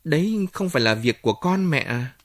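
A man's voice: medium pitch, lively intonation, unhurried, fairly bright tone, no echo, studio quality. A man playing a determined young man in love, speaking earnestly and firmly.

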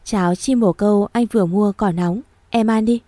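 A young husband who coaxes and apologizes, read by a woman in her own mellow voice. The lines come out soft and placating. The recording is dry and close, with no room sound. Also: sits high, fairly even intonation, normal speed, dry recording, close to an everyday voice. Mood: pleading. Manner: coaxing, apologetic.

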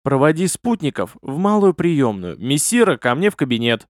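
A courteous baron greets his visitor with attentive politeness, in a fairly high, lively voice. A man reads him in an audiobook. The recording is dry. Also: moderate pace, dry recording. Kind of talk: audiobook character voice.

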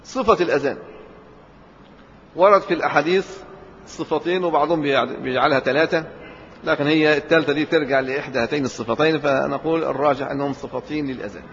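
A man with an Egyptian accent teaches a religious lesson at a brisk pace, laying out each point and asking rhetorical questions that he answers right away. His voice rings with a long hall reverb. The recording sounds slightly muffled and lo-fi, with a faint hiss underneath. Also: on the high side, fairly bright tone. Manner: explains step by step, poses rhetorical questions and answers them.

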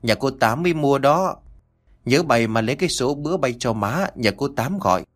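A worried old country mother who chatters and fusses quickly, as a man reads her in an audiobook. She rambles with warm concern. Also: mid-range voice, expressive, natural voice. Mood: fussing. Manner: chatty, fussing.

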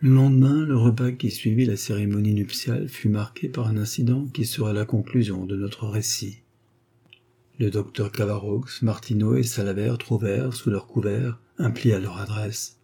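A man narrating a classic novel aloud in a measured, expressive way. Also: on the low side, gravelly, breathy edge. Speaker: audiobook narrator.

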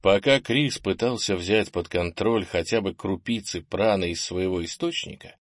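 A man narrates an audiobook in a steady, even storytelling voice. His tone is low. The recording is dry and close to the mic. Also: moderate pace, no room sound. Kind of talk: scripted narration.

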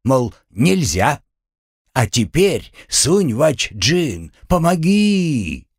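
A man's voice: mid-range voice, big pitch swings, extremely slow, slightly rough, no room sound, studio quality, voice pushed up, exaggerated voice. Man voicing a grumpy bragging little sidekick. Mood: grumbling boastful. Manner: quarrelsome, bragging.

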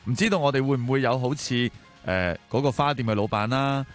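Hong kong cantonese guy hosting a talk show, mid pitch, colloquial storytelling, faint music under him. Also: a little fast. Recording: music behind the voice. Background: background music.

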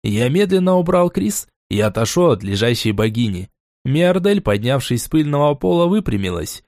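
A man narrating a first-person fantasy audiobook in an expressive, dramatic reading style. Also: mid-range voice, normal speed, no room sound, studio quality.

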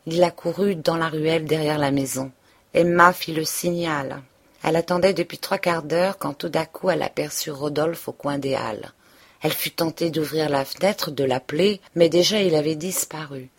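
A woman narrating a classic novel for an audiobook. Her voice is fairly low, and her reading is steady and even. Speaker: audiobook reader.

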